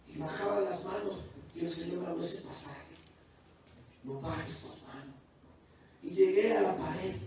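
A man who is a pastor, preaching a sermon that moves from quiet testimony to loud, fervent preaching. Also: sits high, a little hiss or hum. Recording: distant, very echoey church hall.

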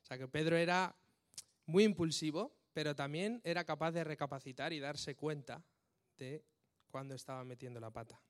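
A man's voice: fairly high pitch, normal speed. A man preaching a casual sermon, reading scripture and often checking in with his listeners.

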